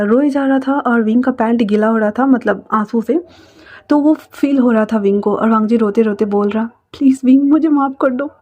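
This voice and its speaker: A woman narrating a dramatic fan fiction story in an emotive, halting way. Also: a little high, darkish tone. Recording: dull lo-fi recording.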